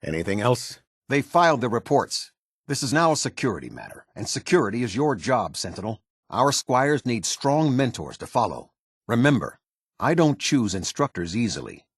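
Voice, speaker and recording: An actor playing a stern, disciplined military captain in a video game, speaking in a formal, clipped, authoritative way. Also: male voice, mid-range voice, big pitch swings, normal speed, slightly rough, no room sound, studio quality. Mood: stern, commanding. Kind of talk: scripted game character dialogue.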